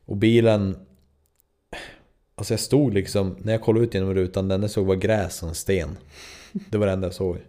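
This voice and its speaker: A man's voice: low-pitched, little pitch movement, warm tone. A man in his twenties from Sweden, a podcast host telling a story in a loose, rambling way, full of fillers and swearing. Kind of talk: casual storytelling.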